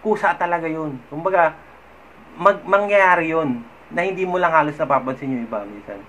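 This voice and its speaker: A man's voice: a little high, brisk. A man, talking casually to camera as a vlogger and giving advice on managing anger. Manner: chatty, often adds "no?" and laughs softly. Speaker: vlogger giving mental health tips. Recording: slightly dull, faint background noise.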